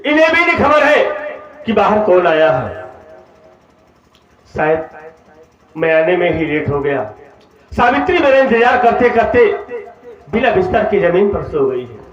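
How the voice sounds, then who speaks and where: An actor playing a young husband home from abroad, in loud, melodramatic folk stage declamation. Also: male voice, sits high, very animated, a little slow, pauses often, lo-fi sound. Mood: tender. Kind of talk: live folk stage theatre. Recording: echoey stage recording with loud music.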